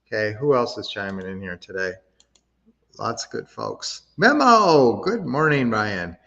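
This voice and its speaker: A man's voice: lowish voice, expressive, unhurried, vocal fry, bright, forceful tone, highs cut off. A man from Minnesota hosting a real estate investing livestream, chatting casually, answering chat comments and teaching with lots of fillers and restarts.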